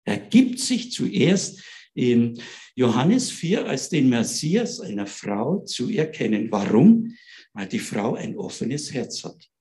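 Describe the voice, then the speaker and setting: Man, preaching in a chatty way, mid-pitched, checks in with listeners. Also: takes it slowly. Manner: retells scripture in lively everyday speech, asks listeners "ja?". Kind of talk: informal Bible talk.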